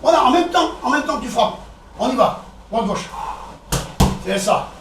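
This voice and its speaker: A man with a French accent coaching a boxing session, counting out combinations and calling out punches in short, brisk commands. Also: very high-pitched, animated. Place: echoey boxing gym. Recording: echoey gym, distant camera, background noise.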